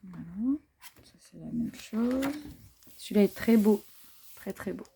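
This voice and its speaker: Her voice medium-pitched, expressive, unhurried and dark with vocal fry, a French craft vlogger casually shows viewers her craft papers. She fills her chat with fillers and admiring asides, against slight background noise.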